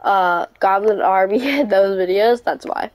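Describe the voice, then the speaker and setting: A woman's voice: medium pitch, measured pace, a loud crowd, low-quality recording. A woman hosting her gaming channel, talking casually and explaining things in a chatty way with fillers and restarts. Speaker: channel host. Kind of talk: casual let's-play chat.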